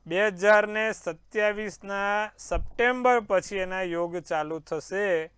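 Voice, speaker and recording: A man's voice: fairly high pitch, a bit bright, smooth, no echo. A man hosting an astrology show, reading daily horoscopes and answering callers with confident reassurance. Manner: confident, reassuring, addresses viewers as sir. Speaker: astrologer host. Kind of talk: horoscope forecast and call-in advice.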